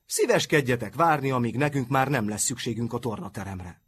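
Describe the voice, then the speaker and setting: A man voicing a haughty, condescending older schoolboy, with a husky voice. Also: on the low side, big pitch swings, a little hiss or hum. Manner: condescending, threatening.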